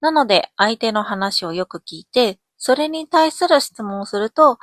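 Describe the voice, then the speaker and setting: A young woman from Japan teaches on her podcast. She explains gently and clearly, and gives plenty of examples. Her voice sits a little high and sounds dry and close, with no room echo. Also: animated, unhurried. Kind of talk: scripted podcast lesson.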